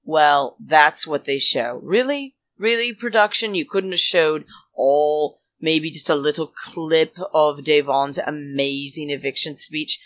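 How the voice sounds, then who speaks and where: A woman's voice: deep voice, fairly even intonation, takes it slowly, a bit bright. A woman hosting a solo recap podcast with a campy, theatrical drag-queen manner and sassy, emphatic, indignant commentary. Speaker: podcast host.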